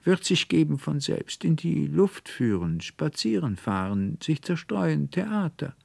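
Man putting on a clipped, high-pitched old doctor. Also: sing-song, a little slow, creaky, darkish tone, husky, dry recording, exaggerated voice. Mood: breezy. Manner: clipped, jerky phrases. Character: fussy old male doctor, terse.

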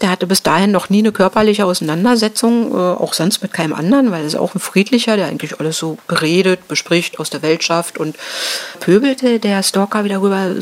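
A middle-aged woman telling an interviewer about a violent attack on her husband, in a halting way with many fillers and restarts. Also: mid-range voice. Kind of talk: emotional personal account.

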